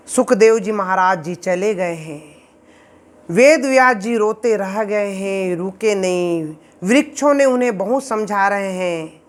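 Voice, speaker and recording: A man telling a devotional scripture story, slow, emotive and preachy. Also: high-pitched. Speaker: religious storyteller.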